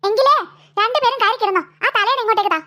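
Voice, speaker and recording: A woman's voice: extremely high pitch, fast talker, bright, forceful tone. A woman voicing a tired, scolding mother of two girls in a cartoon. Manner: nagging, exasperated scolding.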